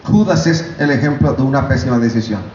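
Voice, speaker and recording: A man preaching a sermon, fervent, his voice climbing high when he voices God. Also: animated, a little fast, roomy sound, highs cut off, slight background noise. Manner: preaching, rising to loud fervent pitch when voicing God. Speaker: pastor. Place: church.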